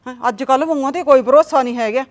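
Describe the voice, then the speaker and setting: Gossipy, scolding village mother-in-law, played by a woman; loud, slightly high voice. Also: rapid-fire, lightly acted. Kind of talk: village comedy drama acting.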